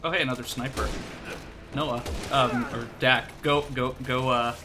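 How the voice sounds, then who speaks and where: A very noisy recording captures a man streaming co-op shooter gameplay, bantering with a friend and laughing often. His somewhat nasal voice is medium in pitch, fairly even, and measured in pace.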